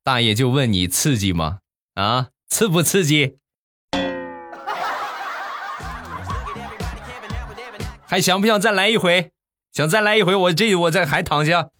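A man voicing an old man who fakes an injury and wails loudly and theatrically. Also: expressive, normal speed, soft background music. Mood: smug teasing. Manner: shrill, theatrical wailing.

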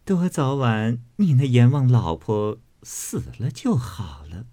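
A man voicing a sly, flirtatious servant's wife who speaks in a hushed tone. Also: mid-range voice, sing-song, slow. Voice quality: soft, hushed.

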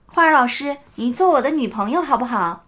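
A woman's voice: high-pitched, animated, a little fast, fairly bright tone, slightly rough, full character voice. A woman voicing a cheeky little boy who speaks confidently and matter-of-factly. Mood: bold.

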